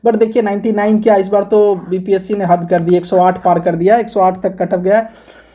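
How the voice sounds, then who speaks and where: A man gives an exam coaching lesson in a calm, conversational voice. His tone is soft and mellow rather than bright, and he works through each point in turn, like a teacher talking straight to his students. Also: high voice, normal speed. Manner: conversational, steady point-by-point explaining. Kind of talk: explanatory video lesson.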